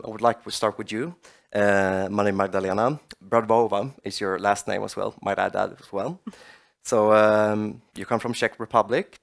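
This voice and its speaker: A man moderates a youth panel and hands the floor to each speaker with halting, filler-heavy phrasing. His voice sits a little low.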